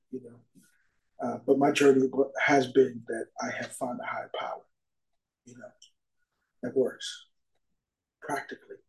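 A man's voice: medium pitch, vocal fry, darkish tone, reverberant, poor audio. A middle-aged man giving a long, rambling personal recovery talk as a guest speaker, peppered with "you know" asides.

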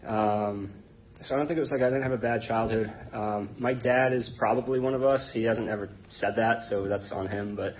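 Hesitant and meandering, a 30s American man raised in Connecticut, born in Hong Kong to an English identity, tells his personal testimony to an Alcoholics Anonymous group as a guest speaker. His voice is lowish and steady in tone, and he speaks informally and haltingly. It's recorded through a tinny, phone-like band over a noisy background.

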